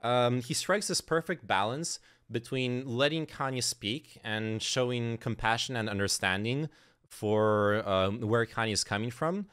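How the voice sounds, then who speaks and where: A man's voice: medium pitch, unhurried, a bit bright, clean tone, no room sound, clean studio sound. A man giving sarcastic, exasperated reaction commentary on a podcast clip, swearing often.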